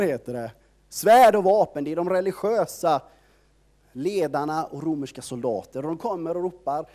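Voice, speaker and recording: A man's voice: fairly high pitch, dark tone. A man preaching an informal sermon, retelling a Bible story in a conversational storytelling way and leaning heavily on filler words.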